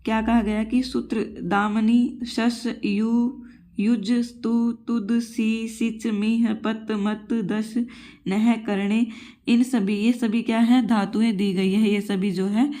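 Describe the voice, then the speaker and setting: A woman's voice: on the high side, little pitch movement, slow pace, mellow. A woman teacher giving a Sanskrit grammar lesson for exam preparation. She repeats each rule, asks the class questions and calls her students children.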